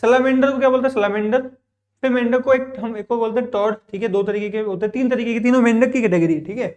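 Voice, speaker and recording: An English teacher with a very high voice and darkish tone talks fast through a classroom vocabulary lesson. He asks his own questions, answers them in repetitive drills, and explains patiently, checking in often.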